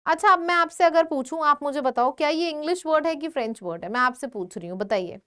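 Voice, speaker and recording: A woman with an Indian accent teaching an exam-prep vocabulary lesson, explaining slowly, repeating words and quizzing her viewers. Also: sits high, animated, bright, forceful tone.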